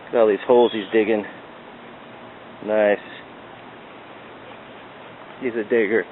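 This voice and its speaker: A man with a fairly low, flat voice speaks a little slowly while playfully baby-talking his dog in the back yard. He records on a handheld camera, giving tinny lo-fi sound with faint outdoor noise.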